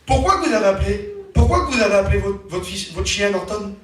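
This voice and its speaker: A man with a high voice delivers a storytelling sermon, his pitch swinging up and down as he goes. He sounds distant from the microphone, and a strong echo from the hall surrounds every word. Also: brisk. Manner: animated storytelling, voice rising and falling. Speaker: preacher. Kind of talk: testimony sermon. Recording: very echoey room, from far off.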